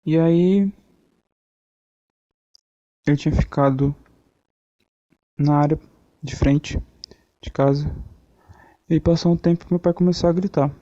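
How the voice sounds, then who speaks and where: An actor playing a male pop star with a Brazilian accent, telling a childhood memory in halting, reflective speech on a podcast in an animated film. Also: a little high, dry recording. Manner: reflective, halting storytelling with many fillers. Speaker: podcast guest. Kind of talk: animated-film interview acting. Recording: slightly muffled, soft music behind.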